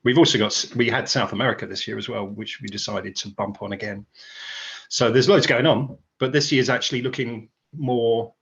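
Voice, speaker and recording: A man's voice: mid-range voice, steady tone, fairly quick, fairly bright tone, muffled recording. A British man, a guitarist being interviewed, talking casually and rambling with fillers and restarts. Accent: British English.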